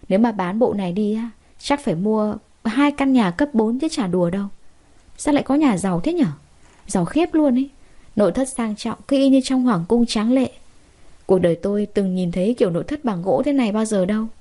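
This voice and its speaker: A woman narrating a first-person story with expressive, chatty asides. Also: a little high.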